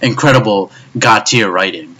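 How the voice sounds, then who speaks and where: At normal speed and on the low side, this man's pushed, bright voice comes through with a little hiss or hum. He's reviewing an anime in a frustrated tirade, cursing often, stammering and repeating.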